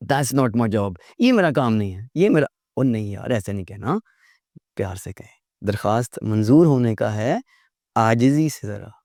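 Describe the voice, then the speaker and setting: A man teaching a lecture, conversational and animated, acting out rude and polite phrasings for his listeners. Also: lowish voice, moderate pace, no room sound, studio quality. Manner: conversational, addresses listeners as "yaar" and "bhai". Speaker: English teacher.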